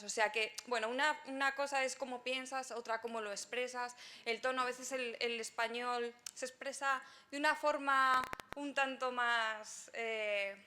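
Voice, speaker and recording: A woman columnist speaking as a panelist in a round-table debate, halting, with many restarts. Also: fairly high pitch, pushed and bright.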